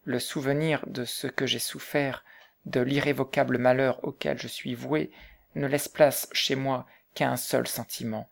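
A man reading the part of a bitter, grieving young mother, speaking softly and subdued in an audiobook. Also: medium pitch, fairly even intonation, measured pace, gravelly. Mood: weary, bitter. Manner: soft, subdued, hushed.

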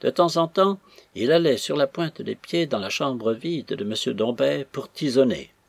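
A man reading a classic novel aloud in a steady, measured way, with a husky voice. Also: mid-range voice, dry recording. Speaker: audiobook reader. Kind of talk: scripted narration of a classic novel.

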